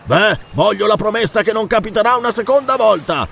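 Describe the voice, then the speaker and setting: A man voicing a brash, mocking pirate captain in an audiobook, loud and bluff. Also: medium pitch, expressive, normal speed, gravelly, slight background noise. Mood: roaring. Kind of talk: audiobook character reading.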